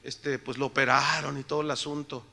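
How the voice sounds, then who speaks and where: A man's voice: medium pitch, level tone, fairly quick, creaky, bright, forceful tone, voice pushed down, exaggerated voice. A man voicing a worried church brother, recovering from heart surgery, who hesitates as he asks for advice. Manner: anxious, hesitant.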